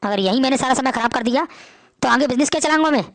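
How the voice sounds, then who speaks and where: A woman's voice: high voice, rapid-fire, fairly bright tone, no echo. A woman playing an arrogant, boastful rich son-in-law in a family drama, bossy and scornful. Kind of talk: Hindi family drama acting.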